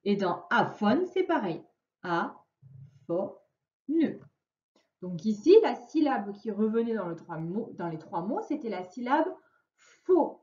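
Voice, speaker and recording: Slow, animated woman teaching children. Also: mid-range voice. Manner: slow and deliberate, stretching out each word. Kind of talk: slow, clearly articulated lesson for children. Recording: echoey room, dull lo-fi sound.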